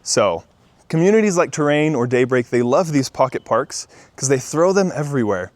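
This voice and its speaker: A man's voice: mid-range voice, sing-song, moderate pace, a little mellow. Upbeat man giving a home tour. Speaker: real estate agent giving a model home tour. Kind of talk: walk-through home tour, casual presenting.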